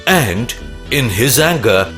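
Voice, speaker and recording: A wise, measured king from a children's animated tale performed by a man. He speaks at an average male pitch, slowly and with lively intonation, over soft music. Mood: measured, reasoning. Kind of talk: children's animated story dialogue.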